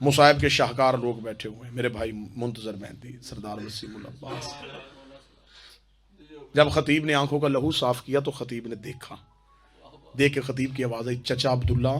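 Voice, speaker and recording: A man's voice: mid-range voice, fairly even intonation, moderate pace, pauses often, fairly bright tone. A man giving a mourning sermon in the form of an impassioned recitation that swells into cries. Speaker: religious orator. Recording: live gathering with crowd.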